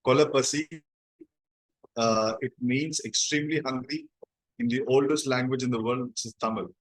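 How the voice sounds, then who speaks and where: A man's voice: medium pitch, fairly even intonation, brisk, no echo, poor audio. A man with a South Indian accent telling his story conversationally as an interview guest, explaining things and often adding tag questions. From Chennai, South India. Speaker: interview guest, company founder.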